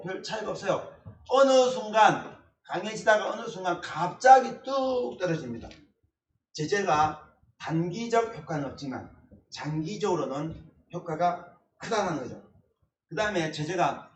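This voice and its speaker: A male instructor teaches at a blackboard with emphatic repetition of key words. His voice sits a little high. He is picked up from some distance in an echoey classroom, with faint background noise and clicks. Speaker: essay-writing instructor. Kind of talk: blackboard lecture.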